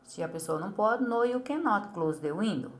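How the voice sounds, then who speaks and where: A woman with a Brazilian accent, explaining an English lesson to a child and saying English model phrases slowly and carefully. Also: mid-range voice, animated. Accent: Brazilian Portuguese. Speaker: English teacher.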